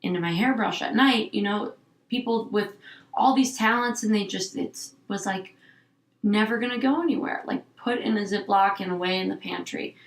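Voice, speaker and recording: Heard far from the mic in an echoey room, a bit off-mic, this guest is a young woman in her twenties with a medium-pitched voice and moderate pace. In a candid interview she thinks aloud, rambling and reflective, saying "like" repeatedly.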